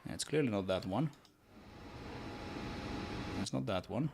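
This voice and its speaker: Background noise accompanies this man's lowish, vocal-fry voice as he chats unhurriedly with lively intonation. A solo game developer with a Swedish accent, he thinks aloud on his livestream while working, frequently repeating words.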